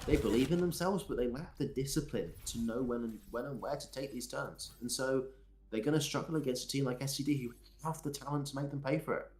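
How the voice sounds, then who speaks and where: A male esports co-caster with a mid-pitched, everyday voice, laying out measured analysis. His delivery is dry and wry, with deadpan jokes slipped in.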